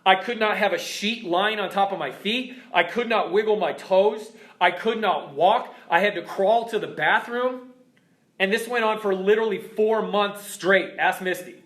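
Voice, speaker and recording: A man's voice: high-pitched, moderate pace, fairly bright tone, reverberant. A man in his thirties, the founder of a fitness program, telling an emotional story as a motivational talk to his members.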